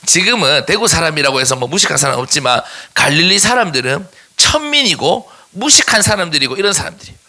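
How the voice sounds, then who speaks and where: A man with a Daegu accent preaching a sermon to teenagers as a youth pastor, animated and teasing, and pausing to tell them what to write down. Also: on the high side. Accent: Daegu Korean. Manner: animated and teasing, jokes with the young listeners; gives note-taking instructions in a classroom way.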